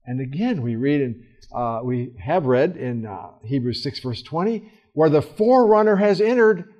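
A man teaching a Bible study in a casual, earnest way, with fillers and restarts, swinging from loud emphasis to soft, quiet asides. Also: on the high side, muffled recording. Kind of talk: conversational Bible study talk.

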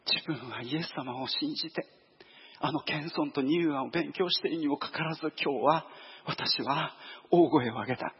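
A man preaching a storytelling sermon, lively and acting out voices and sound effects. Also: fairly high pitch, moderate pace, breathy edge. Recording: dull lo-fi recording.

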